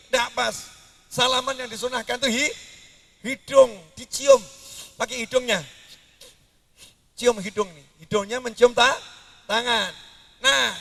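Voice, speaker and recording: A man preaching a sermon, jumping between high outbursts and low mutters. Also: vocal fry, sharp tone, far from the mic.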